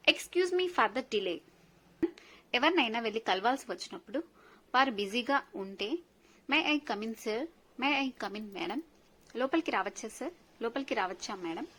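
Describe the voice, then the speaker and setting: High bright-voiced woman teaching English. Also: rough recording. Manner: reads English phrases slowly, rattles off Telugu translations quickly. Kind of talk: slow phrase-by-phrase language lesson.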